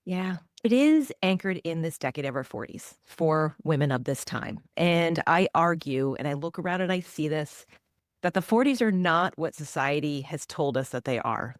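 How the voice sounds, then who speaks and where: A woman's voice: sits low, no echo, studio quality. A woman in her forties, a journalist and author, answering interview questions in a reflective, earnest way. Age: 40s.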